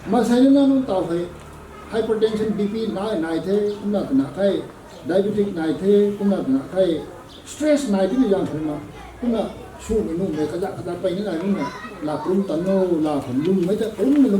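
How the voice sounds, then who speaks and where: Slow, high-voiced man preaching a sermon. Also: mellow, a faint crowd, slight background noise. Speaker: preacher at a prayer meeting. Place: prayer gathering hall. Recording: echoey hall, voice from a distance.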